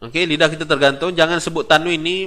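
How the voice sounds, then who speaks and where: A man with a Malaysian Malay accent leads a tajwid lesson, his voice sitting a little high for a man. He drills single syllables over and over, chants the verses slowly, and checks understanding with short questions. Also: steady tone, bright, forceful tone. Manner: patient, repeats syllables, asks the class questions. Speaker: Quran recitation teacher.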